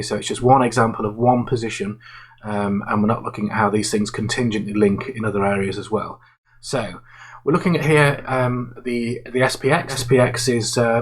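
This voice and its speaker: A man who manages investments, walking listeners through an example in a halting style with many fillers and restarts. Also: on the low side, breathy edge, poor audio. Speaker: investment manager presenting to clients. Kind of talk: explanatory investment talk.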